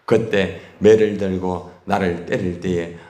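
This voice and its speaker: A Korean pastor with a deep, warm, steady voice preaches slowly in a church sanctuary, the echoey hall ringing around him. He engages his congregation with call-and-response questions throughout the sermon.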